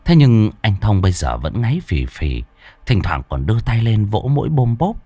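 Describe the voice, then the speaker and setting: A man narrating an audiobook in an expressive storytelling manner. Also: on the low side, normal speed, slightly rough, no echo.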